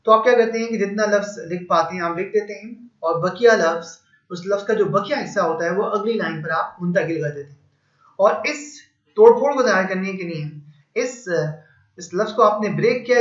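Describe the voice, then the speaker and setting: A man's voice: sits high, fairly quick, fairly bright tone. A man teaching English grammar in a patient, step-by-step way, working through examples. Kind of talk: explanatory lesson. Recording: echoey room, slightly dull sound.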